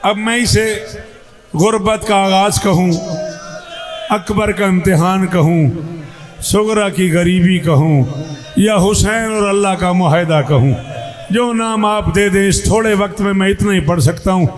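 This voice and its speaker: Man, mourning recitation, very high-pitched, slow and drawn out, shouting, impassioned. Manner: impassioned, lamenting, often shouting to the crowd. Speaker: majlis reciter of mourning narratives. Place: mourning gathering.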